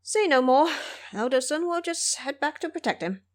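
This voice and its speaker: A woman voicing a proud, impulsive male monkey immortal in an audio drama, boastful and brisk. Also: sits high, expressive, pitched above the performer's own voice. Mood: brash resolve. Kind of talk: audio drama character acting.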